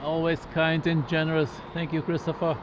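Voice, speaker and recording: A male livestream host with a high-pitched voice chats casually. Outdoor vehicle noise is clearly heard behind him. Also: level tone, a little fast, dull audio.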